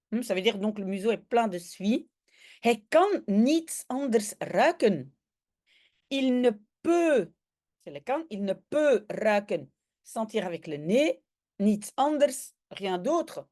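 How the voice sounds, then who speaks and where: A woman with a Flemish accent, a language teacher reading a comic aloud and explaining each line, with lively bursts when she voices the characters' cries. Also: fairly high pitch.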